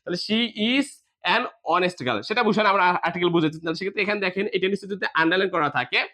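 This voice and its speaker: A man's voice: high voice, fast talker, sharp tone. A man teaching grammar to a class, spelling words out letter by letter and answering his own questions.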